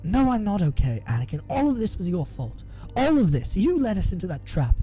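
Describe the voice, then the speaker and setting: A man's voice: medium pitch, wildly swooping pitch, moderate pace, warm tone, faint music behind. A man voicing a proud male Jedi master who speaks in a raised, strained and indignant voice. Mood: enraged.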